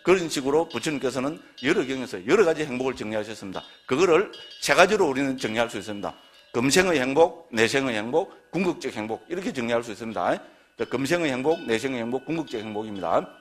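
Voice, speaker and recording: A man's voice: mid-range voice, expressive, fast. A man lecturing on Buddhist scripture, emphatic and constantly checking in with his listeners through short tag questions.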